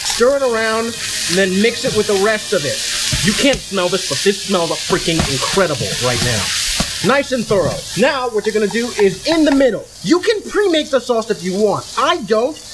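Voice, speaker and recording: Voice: mid-range voice, very animated, normal speed, very noisy. A brash, playful, tipsy cooking host giving casual, sweary step-by-step instructions. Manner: tipsy, drunk. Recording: music behind, sizzling pan. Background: music and frying sizzle.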